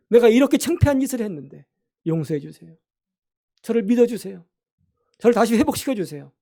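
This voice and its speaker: A man's voice: high-pitched, mellow. A man preaching a sermon as pastor in a church, earnestly asking the congregation questions. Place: church sanctuary.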